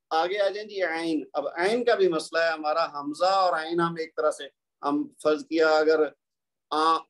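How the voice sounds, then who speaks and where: Urdu-accented guy teaching tajweed, kinda high voice, patient, sounds out letters slow. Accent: Pakistani Urdu. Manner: patient, explanatory, demonstrates letter sounds slowly. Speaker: Quran recitation teacher. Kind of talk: tajweed lesson.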